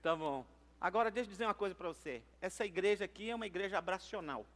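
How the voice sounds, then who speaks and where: A Brazilian pastor with a high-pitched voice preaches in a church. He is playful and joking, dropping to quiet asides one moment and calling out loudly to the congregation the next. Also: quick pace. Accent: Brazilian Portuguese. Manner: playful and humorous, shifting between soft asides and loud calls. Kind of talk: lively sermon. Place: church sanctuary.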